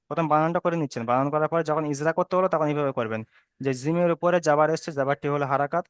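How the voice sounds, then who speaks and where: A man's voice: a little high, smooth, dry recording, studio quality. A man teaching an online Arabic reading lesson, patiently repeating the rules over a video call. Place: online class.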